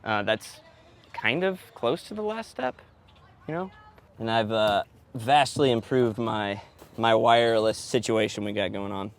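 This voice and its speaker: A man talks through his on-location work in a casual, teasing chat, acting as both sound engineer and host. His voice sits fairly low and moves a little slowly, and background noise is clearly present in the recording.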